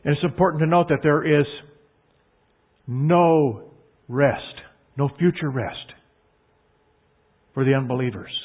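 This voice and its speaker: A man's voice: fairly high pitch, slightly rough. A man preaching a sermon in an earnest, emphatic way, leaning hard on key words. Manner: earnest, emphatic, drawn-out stresses. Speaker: pastor. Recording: tinny phone-like line.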